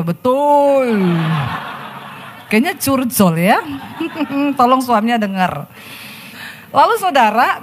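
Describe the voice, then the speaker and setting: A middle-aged woman pastor preaching a sermon, telling stories and acting out the quotes. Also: medium pitch. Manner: lively storytelling sermon, acts out quotes.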